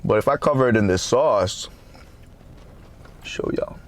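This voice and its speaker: Blunt, joking man reviewing fast food. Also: mid-range voice, animated, a little hiss or hum. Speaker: mukbang vlogger. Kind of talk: casual food-review chat.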